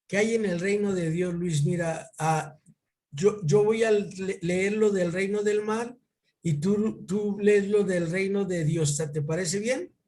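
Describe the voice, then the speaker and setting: A man giving an informal one-on-one Bible lesson over a video call, pausing and repeating words as he thinks and often calling his student by name. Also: sits high, steady tone, warm tone. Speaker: Bible teacher.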